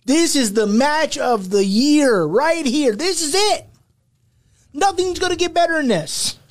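A man's voice: extremely high pitch, expressive, unhurried. A man hosting a wrestling show, talking in emphatic, declamatory ringmaster style and repeating phrases for effect. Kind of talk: ringmaster-like hype commentary.

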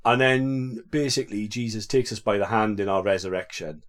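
A man with a South Wales accent speaks in a fairly low register. He hosts like an informal vicar, explaining things conversationally, with a jokey, chatty manner and plenty of tag questions. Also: fairly even intonation, fairly quick. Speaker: podcast host and vicar. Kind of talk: casual conversational explaining of faith.

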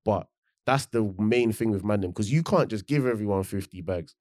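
A man's voice: on the low side, moderate pace, a little mellow, no room sound. London roadman man, street-slang chat, dry sound. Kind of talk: casual chat.

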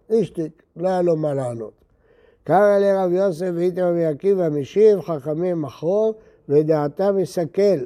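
A man's voice: high-pitched, mellow. An older rabbi who teaches Talmud. He chants the Aramaic text and then explains it in plain Hebrew.

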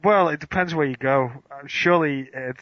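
A man's voice: on the high side, moderate pace, dry recording. A young man with an English accent, chatting easily as a podcast guest and laughing often. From England. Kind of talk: casual chat. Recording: dry, muffled lo-fi audio.

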